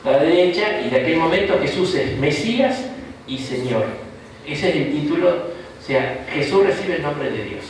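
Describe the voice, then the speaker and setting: Heard far from the microphone in an echoey room with a little hiss or hum, an Argentine bishop teaches a Bible course. His voice sits on the high side, with lively intonation and a moderate pace; he's chatty and jokey, Rioplatense in accent, and keeps tossing in a rhetorical "¿no?".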